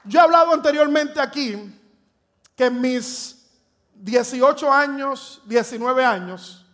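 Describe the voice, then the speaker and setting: A man's voice: extremely high pitch, a bit bright. A Puerto Rican man preaching a sermon to his congregation, telling the story dramatically and joking with the church. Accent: Puerto Rican Spanish. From Puerto Rico. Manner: dramatic storytelling, acts out scripture and jokes with the congregation. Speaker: pastor. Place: church sanctuary.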